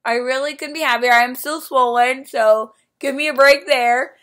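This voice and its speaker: A young woman speaks with new dentures, so her words come out a little different from normal. She sounds upbeat and reassuring, like a casual video diary. Her voice sits a touch above the usual pitch. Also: fairly even intonation, moderate pace, fairly bright tone. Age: young adult. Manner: slightly altered speech, upbeat and reassuring. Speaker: vlogger. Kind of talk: casual talk to camera.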